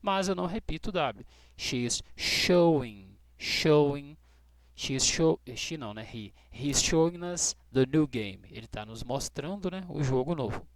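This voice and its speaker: A Brazilian man teaching English grammar to students, patient and checking in often with short questions, spelling out letters slowly. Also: on the high side, expressive, no room sound. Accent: Brazilian Portuguese. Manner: spells out letters slowly, stressing key words. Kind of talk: explaining grammar rules to students.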